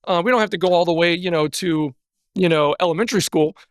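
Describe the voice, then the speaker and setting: Upbeat podcast host, higher voice. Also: male voice, fast talker, no echo, studio quality. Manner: upbeat and friendly, eager questions. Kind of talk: podcast hosting and interviewing.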